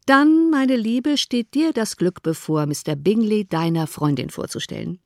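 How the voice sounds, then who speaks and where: A woman voicing an ironic, unhurried older father in an audiobook, speaking in a measured, teasing way. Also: medium pitch, no room sound, clean studio sound, lightly acted. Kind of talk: audiobook character voice.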